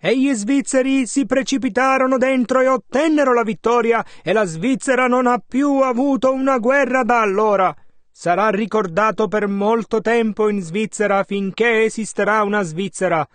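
High-voiced male sermon interpreter, dry sound. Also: no echo. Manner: measured, follows the preacher's emphasis.

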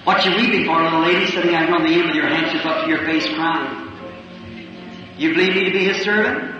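A man preaching at a healing revival, slowly and emphatically questioning people in the audience. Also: fairly high pitch. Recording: old echoey hall recording, muffled, from far off, music behind.

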